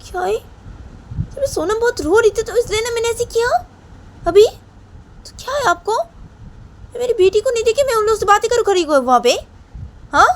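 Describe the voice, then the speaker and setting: A woman voicing an indignant young mother who nags her partner in a loud, high-pitched voice.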